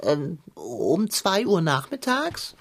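A pompous male pirate cat in a children's audio drama. He sounds husky and his pitch leaps all over the place. He stays smug and teasing, with a mock-formal air. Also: very animated, takes it slowly, exaggerated voice. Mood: wry.

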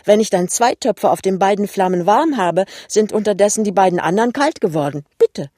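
Ein Mann liest eine eifrige, praktische junge Ehefrau in einem Hörbuch, mit nachdrücklichen, steigenden Fragen. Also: male voice, high voice, animated, brisk, dark tone, no room sound, studio quality, pitched above the performer's own voice. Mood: insistent. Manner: insistent, rising emphatic questions. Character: young woman, earnest and practical newlywed. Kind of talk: audiobook reading.

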